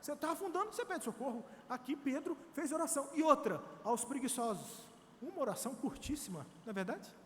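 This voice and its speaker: Brazilian male missionary preaching, very high voice, animated and exhorting, church reverb. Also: fast talker. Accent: Brazilian Portuguese. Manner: animated, acts out quotes, exhorts the congregation. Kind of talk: sermon.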